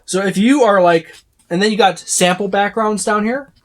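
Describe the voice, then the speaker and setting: A reviewer with a medium-pitched voice talks at a moderate pace through a tabletop game book, casual and unscripted. He rambles, repeating himself and reeling off lists of items one after another.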